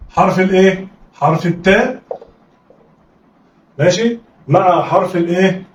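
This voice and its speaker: A man with an Egyptian accent, teaching children to read syllables, calling out sounds for them to repeat and praising them often. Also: sits high. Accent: Egyptian Arabic. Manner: call-and-response drilling, coaxing pupils to repeat; encouraging, blessing the pupils often. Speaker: Arabic teacher. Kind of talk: children's phonics lesson. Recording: echoey room, distant mic, dull lo-fi sound.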